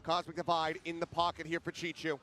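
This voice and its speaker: A man doing esports caster play-by-play, dramatic, moving from measured narration to shouted calls. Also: fairly high pitch, completely flat delivery, slight background noise. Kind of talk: esports caster live match commentary.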